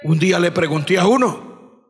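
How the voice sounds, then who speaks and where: A Colombian pastor preaching a Pentecostal sermon with a Colombian Spanish accent, moving from quiet scripture reading to shouted, fervent exhortation. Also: male voice, sits high, lively intonation, moderate pace, slightly rough, faint music behind. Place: church sanctuary. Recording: church hall with long reverb.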